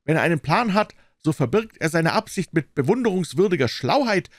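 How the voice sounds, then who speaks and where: Courtly evasive old asylum director, read by a man, lively swooping pitch, dry close sound. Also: normal speed, dry recording. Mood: shouting.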